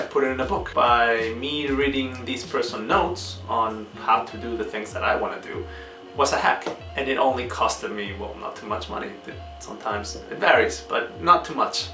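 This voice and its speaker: A man's voice: mid-range voice, pushed and bright. A young man from Peru, hosting a book channel and earnestly answering questions one by one in a casual vlog, now and then searching for a word. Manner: earnest, measured, sometimes searching for words. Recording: echoey room, distant mic, faint guitar music.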